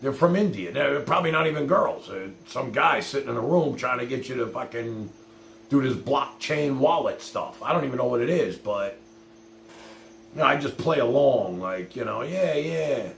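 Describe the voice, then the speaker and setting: This is a middle-aged man hosting a livestream, chatting about his own life in a blunt, meandering style laced with curses and "you know." He has a medium pitch, vocal fry, a slightly bright tone, lively intonation, and normal speed. There's faint hum, noise, and an echoey room sound.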